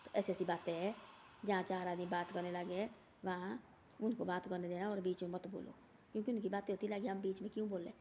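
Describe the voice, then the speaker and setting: A woman's voice: fairly low pitch, steady tone, quick pace, warm tone, highs cut off, a little hiss or hum. A woman, telling a moral story in a casual, rambling way and repeating words over and over.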